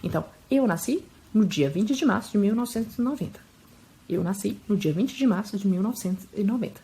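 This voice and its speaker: A woman in her thirties teaching a French lesson, explaining calmly and patiently and repeating each word slowly so learners can hear the pronunciation. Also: mid-range voice, rough recording. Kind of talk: language lesson.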